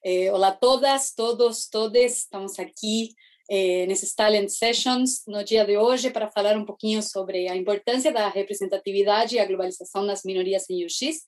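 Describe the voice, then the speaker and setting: A woman from Argentina, speaking Portuguese with an Argentine Spanish accent, who welcomes a guest and moderates a panel with gentle questions. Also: medium pitch, normal speed.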